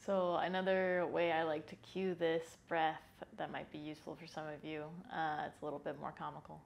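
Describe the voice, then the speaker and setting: A woman, around her thirties, calmly guides a yoga breathing exercise in an informal, unhurried way, speaking indoors into a lapel mic. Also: low-pitched, vocal fry. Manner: calm, unhurried, informal instruction. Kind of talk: guided follow-along breathing lesson. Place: small indoor yoga room. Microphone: lapel microphone.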